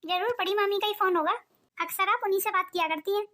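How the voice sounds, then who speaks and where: A woman voicing a young sister-in-law in a cartoon, quick and obliging. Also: extremely high pitch, steady tone, bright, forceful tone. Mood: chatty. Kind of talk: cartoon voice acting.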